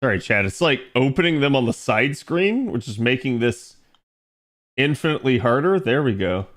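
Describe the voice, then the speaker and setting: A man's voice: medium pitch, expressive, moderate pace, fairly bright tone. A man hosting a live stream, talking through a game analysis in a casual, chatty way and speaking straight to his viewers.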